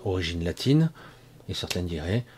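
Here a man from France chats directly to his listeners about energy healing in a loose, rambling monologue peppered with asides and fresh starts. His voice sits low and is very animated, a little mellow, and moves at normal speed.

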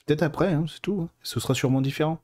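A man hosts a live stream about mediumship and clairvoyance, answering viewer questions in casual live talk. His voice is a little high and a little mellow, and he speaks rapid-fire. He's chatty and digressive, using informal, colloquial wording.

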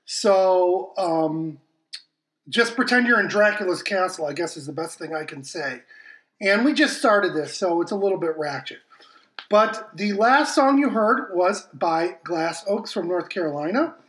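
A man's voice: high-pitched, expressive, unhurried, a bit bright. Man talking through a heavily echoing broken mic. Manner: rambling, apologetic, self-deprecating, many fillers. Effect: echoey reverberating sound from a broken mic setup. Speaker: music podcast host. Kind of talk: casual chat introducing songs. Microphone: faulty home podcast mic. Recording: heavy echo from a broken mic setup.

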